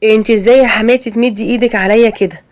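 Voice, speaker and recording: A woman with an Egyptian accent voicing a hurt young wife who stammers and defends herself in an animated story. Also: on the high side, very fast, close to an everyday voice. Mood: indignant. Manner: stammering, then indignant.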